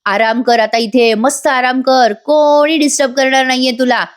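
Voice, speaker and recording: A woman voicing a scheming male kidnapper who mocks his captive with drawn-out taunts. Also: high voice, fairly even intonation, pitched above the performer's own voice, close to an everyday voice. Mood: taunting.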